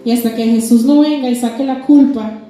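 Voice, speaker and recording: A woman's voice: fairly high pitch, fairly even intonation, a little fast. A woman preaching a sermon, passionately acting out the dialogue of the scripture story. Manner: impassioned, acts out dialogue between biblical figures. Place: church. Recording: echoey church hall with music. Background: soft music.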